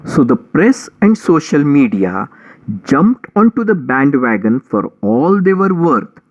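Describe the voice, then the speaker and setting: A man's voice: on the high side, big pitch swings, slow. A man narrating a story theatrically, with a pompous, wordy manner that relishes lists and alliteration. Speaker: audiobook storyteller. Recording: dull lo-fi recording.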